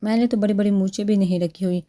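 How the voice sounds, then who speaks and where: A woman's voice: mid-range voice, fairly even intonation, mellow, natural voice. A woman reading the part of a playful young man who teases his wife, in a storybook reading. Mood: teasing. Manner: teasing, lightly joking.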